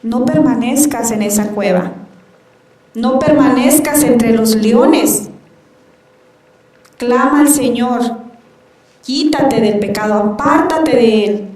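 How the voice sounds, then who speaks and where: A woman's voice: a little high, slow, long pauses, darkish tone. A woman preacher giving a fervent sermon in a church hall, often calling out to the congregation. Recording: echoey hall, voice from far off, dull sound.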